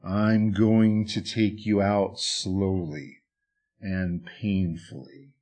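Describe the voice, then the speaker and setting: A man voicing a hungry, menacing male wolf who speaks in a low, threatening rumble in a told story. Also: steady tone, drawn-out words, dark tone, heavily acted.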